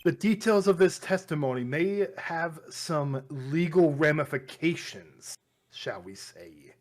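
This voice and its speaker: A man voicing a composed, polite courtroom prosecutor from a video game, measured and insinuating. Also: a little high, close to an everyday voice. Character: smooth-talking, composed male courtroom prosecutor. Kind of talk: reading video game dialogue aloud.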